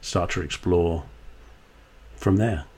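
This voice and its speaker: Man, Suffolk accent, fairly deep pitch, candid coach, casual reflective conversation. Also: takes it slowly, a little mellow, husky. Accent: Suffolk English. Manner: candid, swears casually, acts out quoted dialogue. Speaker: coach, interview guest. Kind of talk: casual reflective interview talk.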